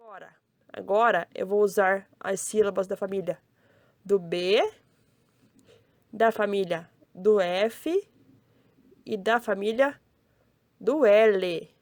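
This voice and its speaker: A woman's voice: medium pitch, takes it slowly, pauses often, a little mellow, no echo. A young woman with a Brazilian Portuguese accent, teaching young children to read in a cheerful, sing-song voice, sounding out syllables one by one. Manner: cheerful, sing-song, addressing kids directly. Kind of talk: slow, syllable-by-syllable children's lesson.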